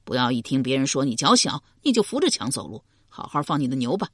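A woman's voice: very deep voice, very animated, quick pace, a bit bright, breathy edge, dry recording, clean studio sound, pitched below the performer's own voice, full character voice. A woman voicing a cheeky, uneducated male house servant who talks brashly and hurriedly. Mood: mocking.

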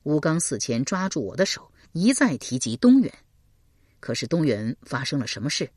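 A woman's voice: low voice, sing-song, moderate pace, darkish tone, no echo, clean studio sound. A woman reading the part of an earnest male general, who presses politely with his questions.

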